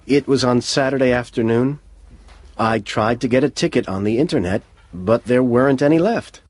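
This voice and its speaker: A man's voice: mid-range voice, normal speed, no room sound. A man speaking his part in a scripted English lesson dialogue in a plain conversational manner.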